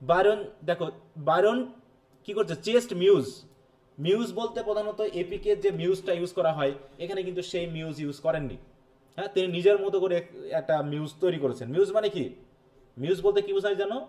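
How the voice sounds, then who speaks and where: Man lecturing a class slowly. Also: sits high, darkish tone. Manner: explains slowly, reads English passages, checks understanding with questions. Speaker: teacher.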